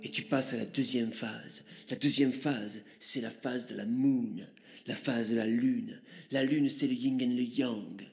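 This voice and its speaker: A man putting on a low, murmuring voice as a dreamy mystical shaman character, often drifting into a whisper. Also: steady tone, unhurried, creaky, a little mellow. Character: mystical male shaman guru, dreamy and hushed. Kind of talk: comic sketch monologue.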